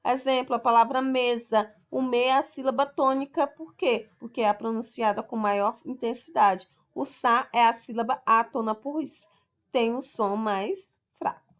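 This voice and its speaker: Teaching sixth graders in a recorded lesson, this Brazilian woman goes step by step and stretches out each example word slowly. She frequently checks in with "tá?" and "ok?", in a fairly high, steady voice.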